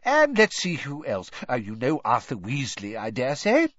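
A man's voice: medium pitch, wildly swooping pitch, moderate pace, fairly bright tone, dry recording, muffled recording. A man voicing a genial, fussy middle-aged male official who talks in a bumbling, comfortable way.

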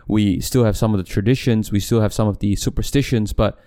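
A young man talks loosely and unhurriedly on his podcast, circling back and correcting himself mid-sentence with easy laughs. His voice sits a little low, mellow and smooth in tone. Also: steady tone, brisk. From Malaysia. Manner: rambling, self-correcting, laughs often. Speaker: podcast host. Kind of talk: casual solo podcast chat. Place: home room, camera set back.

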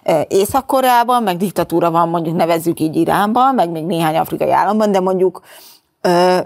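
A woman's voice: on the low side, vocal fry, a little mellow. A woman, a political scientist guest in a studio, explaining firmly and analytically.

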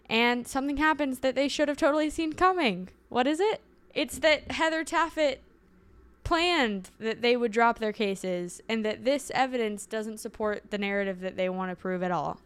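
A woman's voice: fairly high pitch, clear, resonant tone. A woman co-hosting a casual recap chat, rambling and correcting herself as she goes. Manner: rambling, self-correcting, quick asides. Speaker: podcast co-host.

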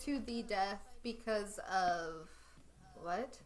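A woman's voice: medium pitch, drawn-out words. A woman with a Midwestern accent co-hosting a podcast in casual chat, cutting in with teasing jokes. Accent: Midwestern American. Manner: teasing, jokey interjections. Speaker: podcast co-host.

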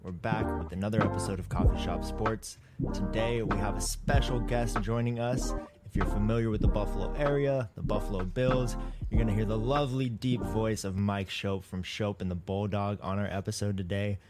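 A man hosting a casual sports podcast, opening with relaxed, friendly patter. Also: normal speed, over loud music. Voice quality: deep voice. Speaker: podcast host.

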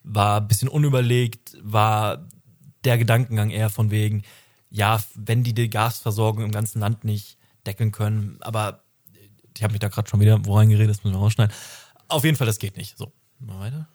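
Here a man in his twenties co-hosts a casual podcast chat, rambling, self-correcting, and often laughing. He speaks fairly quickly in a lowish, darkish voice with fairly even intonation.

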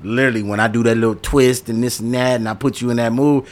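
Brief: man, 40, easygoing co-host who lectures and repeats, mid pitch. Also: fairly even intonation, fast talker. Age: 40s. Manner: laid-back, lecturing, repeats himself. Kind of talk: casual chat.

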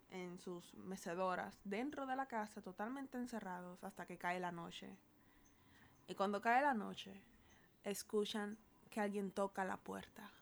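A woman's voice: medium pitch, creaky. A woman co-hosting a podcast, telling an improvised comic story in a casual, giggly way.

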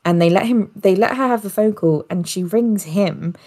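A woman co-hosting a casual chat show, retelling a story with lively energy and frequent laughter. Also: mid-range voice, normal speed. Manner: animated storytelling, laughing often. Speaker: podcast co-host.

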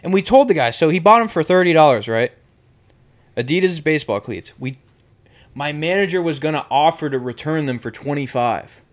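A man in his twenties tells a story on a casual podcast, full of slang and swearing. His voice sits a bit high and jumps around a lot as he gets worked up. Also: a little fast. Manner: animated, swears a lot, says bro and like. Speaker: podcast host.

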